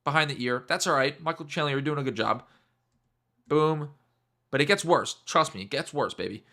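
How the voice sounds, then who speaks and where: A young man giving a casual, mocking breakdown of a fight, animated and fond of repeating his catchphrases. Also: on the high side, a little fast. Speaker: MMA YouTuber.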